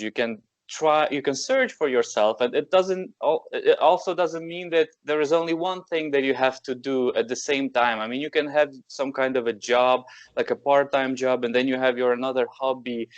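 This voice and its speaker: A man's voice: mid-range voice, dry recording. A man hosting a podcast who interviews a guest over a call, in a friendly and encouraging way. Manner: friendly, encouraging, asks open questions. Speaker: podcast host. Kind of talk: casual interview. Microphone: remote call. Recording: dry, dull lo-fi sound.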